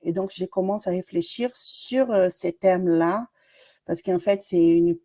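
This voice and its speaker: A woman's voice: fairly low pitch, unhurried, mellow. A woman from Brazil, a doctoral student with a Brazilian accent and Portuguese as her first language, presenting her research in a webinar over a video call, hesitant with many fillers.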